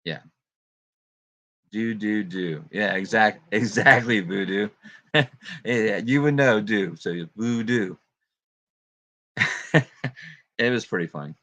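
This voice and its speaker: Low-voiced guy hosting a chill livestream, laughing and rambling, dry close sound. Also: slow pace, long pauses, sharp tone, dry recording. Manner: laid-back, lots of fillers and laughs. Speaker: livestream host. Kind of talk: casual livestream chat.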